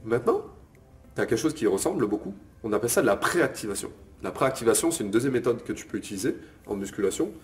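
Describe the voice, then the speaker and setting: A man's voice: fairly low pitch, a little mellow. Casual male fitness coach, chatty. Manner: informal, addresses viewer as tu, frequent "ok?" and "euh". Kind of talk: casual bodybuilding lesson to camera.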